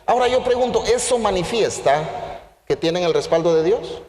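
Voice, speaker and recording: A man's voice: high voice, animated, moderate pace, darkish tone. A male preacher giving a sermon, who keeps asking the congregation questions, recorded in an echoey church hall with faint background noise.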